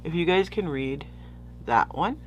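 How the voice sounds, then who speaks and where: A man with a slightly high voice and a sniffly sound chats casually through an unboxing. He rambles and loses his thread easily. The recording has a noticeable noisy hum. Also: expressive, unhurried, muffled recording. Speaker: vlogger showing stationery purchases.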